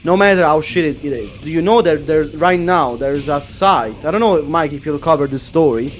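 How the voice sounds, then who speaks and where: A man's voice: fairly high pitch, moderate pace, a little hiss or hum. A man chatting casually, asking questions bluntly and repeating phrases for emphasis.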